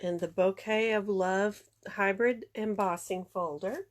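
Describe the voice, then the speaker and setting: A woman's voice: mid-range voice, fairly even intonation, unhurried. A congested woman chatting casually through a craft tutorial, talking through each step as she works. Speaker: card-making demonstrator.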